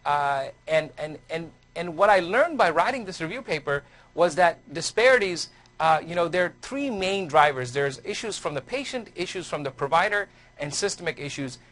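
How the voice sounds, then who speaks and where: A middle-aged man lectures on surgical research, his voice sitting a little higher than most men's. He talks loosely and conversationally, weaving personal anecdotes in and often restarting his sentences. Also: fairly bright tone. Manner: conversational, storytelling, frequent restarts. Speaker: surgeon and lecturer.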